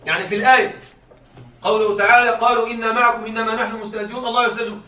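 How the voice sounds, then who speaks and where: Male lecturer, high and bright, quizzes the class often, recorded from across an echoey room. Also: little pitch movement, far from the mic. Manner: keeps checking students follow, repeats key points; reads examples slowly and deliberately. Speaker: teacher.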